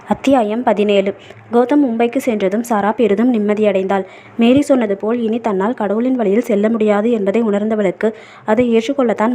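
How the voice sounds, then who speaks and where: A woman storyteller reading a novel aloud in a steady, even narration. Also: mid-range voice, a little hiss or hum.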